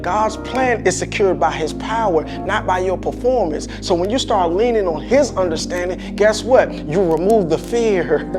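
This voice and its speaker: A man coaching on public speaking in a fervent, preacher-like way, calling out "come on" and restarting his words. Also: high voice. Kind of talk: faith-based motivational talk. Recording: clear music bed under voice. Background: music.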